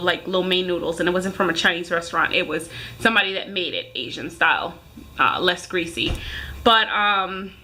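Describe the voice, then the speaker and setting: Here a thirty-something woman vents to her audience in a loose, emphatic vlog style. She has a medium-pitched voice with a sharp edge.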